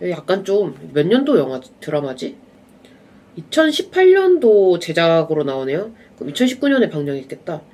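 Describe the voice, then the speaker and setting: Speaking at a moderate pace in a mid-range voice, the same kind of young vlogger sounds congested and nasal from a slight cold. Relaxed and chatty, they ramble to camera about movies and dramas, wandering off on tangents.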